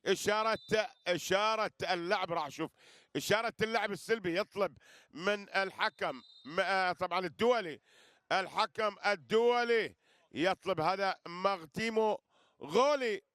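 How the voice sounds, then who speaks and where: A man's voice: sits high, normal speed, fairly bright tone, no room sound, studio quality. A man giving live wrestling commentary, repeating phrases and addressing listeners with flourishes. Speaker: sports commentator.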